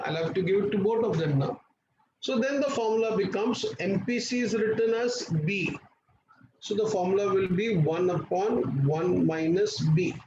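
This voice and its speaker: Male teacher, Indian accent, high voice, insistent prompting, online lesson, muffled sound. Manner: insistent, repetitive, prompting students with questions and endearments. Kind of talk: live online class lesson. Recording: roomy, muffled, noisy online class audio.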